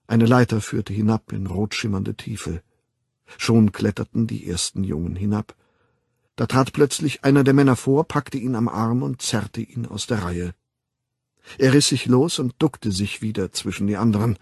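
A man reading an audiobook in a measured, grave storytelling manner, close to the mic. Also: fairly low pitch, gravelly, darkish tone, slightly rough, dry recording. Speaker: narrator. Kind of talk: scripted audiobook narration.

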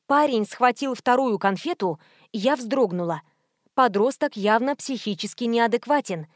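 A woman narrates a first-person audiobook with a lively, wry delivery. Her voice sits a little high and the recording is dry and close. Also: measured pace, no echo.

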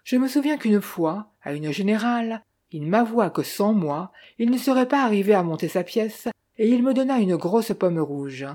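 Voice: medium pitch, animated, moderate pace, warm tone, natural voice. A narrator reading the lines of a proud aging stage actress who boasts about her glory days in a storybook reading. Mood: reminiscing. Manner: boastful, genteel.

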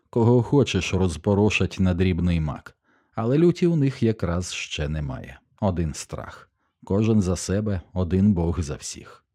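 A man reads an audiobook in a measured, steady storytelling style. His voice is very low and dark, with a mellow tone. The pacing stays even throughout the narration. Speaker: audiobook reader.

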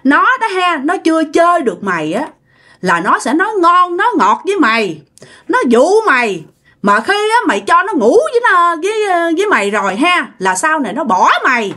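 A woman voicing a fanged female ghost who mocks and threatens a young couple in shrill, harsh scolding. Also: big pitch swings, a little fast, bright, forceful tone, heavily acted. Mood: scornful. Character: shrieking fanged female ghost, mocking and menacing.

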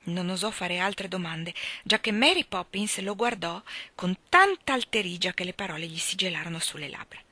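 A woman reading a children's novel aloud in a gentle storytelling way that sometimes drops to a hush. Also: on the low side, expressive, moderate pace, few pauses, no room sound. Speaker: reader.

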